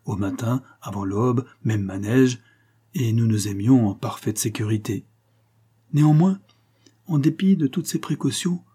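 A man reading a classic French short story aloud in a measured literary style, as an audiobook narrator. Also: mid-range voice, warm tone, husky. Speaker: audiobook reader. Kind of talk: scripted narration.

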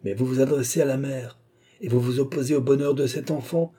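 A man voicing a long-suffering wife and mother who stands up to her husband, in a dark, husky voice raised a little above his own. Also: mid-range voice, fairly even intonation, fairly quick, voice pushed up, close to an everyday voice. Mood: indignant. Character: wife, a resigned mother, now defiant, a woman of middle age.

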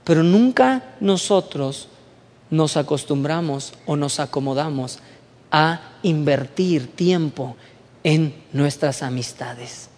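A man with a Mexican accent giving a storytelling talk, dropping to hushed asides and rising again, often checking in with short rhetorical questions. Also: a little high, big-room sound. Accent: Mexican Spanish. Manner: animated, swings between hushed asides and raised voice, rhetorical questions.

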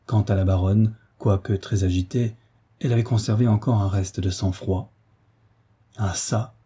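A man narrating a classic French adventure novel in a measured, even storytelling manner. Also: fairly low pitch, slightly rough. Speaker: audiobook narrator. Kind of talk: scripted narration.

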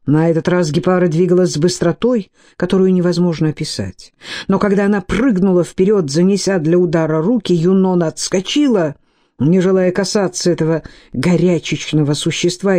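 A woman narrating an audiobook in a measured, expressive reading. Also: fairly low pitch. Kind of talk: scripted narration.

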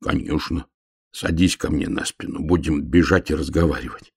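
A man doing a quiet, terse bear cub. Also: a bass voice, normal speed, slightly rough, exaggerated voice. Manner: quiet, terse, soft-spoken. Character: good-natured boy bear cub, short of breath.

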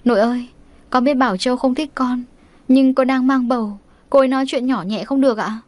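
A whiny, scheming young pregnant woman pleads in a tearful, whimpering voice, as a woman reads her part in a storybook. She plays the wronged victim, her speech a little higher than plain talk. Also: fairly even intonation, a little fast, dry recording, close to an everyday voice.

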